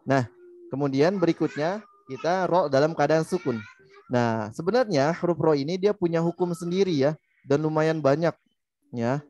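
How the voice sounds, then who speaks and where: Indonesian man, recitation teacher, patient, models sounds slowly, casual lesson. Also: a little high, darkish tone. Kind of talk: online tajwid lesson.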